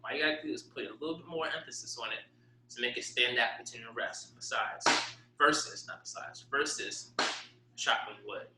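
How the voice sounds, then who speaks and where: A man's voice: medium pitch, fairly quick. A man teaching a drum lesson, explaining the rudiments and counting and singing the rhythms aloud. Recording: echoey room with loud noise. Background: metronome clicks.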